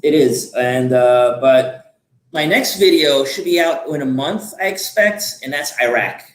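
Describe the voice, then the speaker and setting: A man's voice: mid-range voice, animated, measured pace. A man, a guest on a casual podcast chat, telling a travel story in an earnest way. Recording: echoey room.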